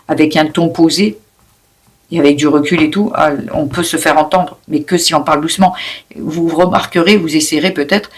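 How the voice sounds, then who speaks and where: A woman giving an unscripted spiritual oracle card reading. She talks fast, with many restarts and repeated words, in a calm, coaching tone. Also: low-pitched. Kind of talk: spontaneous spiritual guidance reading.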